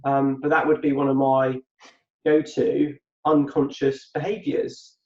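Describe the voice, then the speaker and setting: Unhurried and a little mellow, an adult man speaks at medium pitch with a level tone. He co-hosts a podcast, draws on a past business, and explains things thoughtfully in conversation, echoing his own words as he reasons aloud. The room sounds muffled and echoey.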